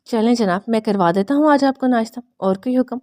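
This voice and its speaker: A woman's voice: a little high, a little mellow, no room sound, clean studio sound, close to an everyday voice. Woman reading as a teasing young husband. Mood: soothing. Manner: mischievous, bantering.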